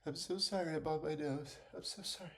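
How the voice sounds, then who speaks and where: A man acting out a cartoonish sneezing fit, with drawn-out build-ups, loud exaggerated sneezes and apologetic, half-whispered asides. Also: on the high side, gravelly.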